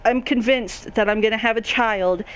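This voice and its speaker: Woman cohost, bit high voice, teasing and cussing, laughs a lot. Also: normal speed, fairly bright tone, smooth. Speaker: podcast co-host. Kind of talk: casual chat.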